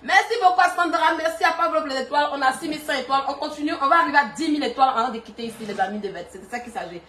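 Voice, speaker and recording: A woman's voice: sits high, racing, pushed and bright, roomy sound, a little hiss or hum. A woman hosting a live stream, chatting and gossiping with lots of laughter and urging viewers to send stars.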